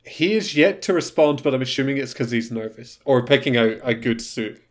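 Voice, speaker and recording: A man's voice: medium pitch, expressive, brisk. A man co-hosting a casual podcast chat, joking around and laughing often. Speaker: podcast co-host.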